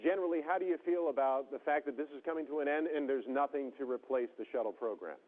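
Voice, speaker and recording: A man's voice coming through a thin, phone-like radio link, like a sci-fi communicator. He is a news interviewer who asks formal, measured questions in a steady middle pitch. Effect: radio link to space station.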